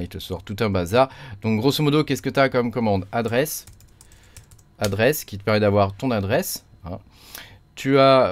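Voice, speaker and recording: A man talks through a computer tutorial in a casual, chatty way, full of fillers and little tags. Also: on the low side. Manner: chatty, many fillers and tag "hein". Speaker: crypto mining tutorial host. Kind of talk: casual screen-recorded tutorial.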